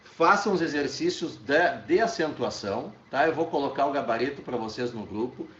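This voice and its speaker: Brazilian male teacher, mid pitch, stop-start classroom explaining, muffled lo-fi recording. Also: expressive, normal speed, fairly bright tone, recorded from a distance, slight background noise. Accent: Brazilian Portuguese. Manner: explains with many "tá?" checks and restarts. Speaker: Spanish teacher. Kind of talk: online class lecture. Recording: echoey room, dull lo-fi sound.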